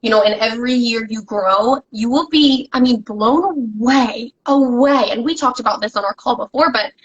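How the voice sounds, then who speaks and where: A woman guest on a podcast, talking as a business coach in an energetic, emphatic, motivational way, often repeating herself for stress. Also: fairly high pitch, normal speed, husky, muffled recording. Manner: energetic and emphatic, with repetitions and restarts. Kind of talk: motivational casual conversation.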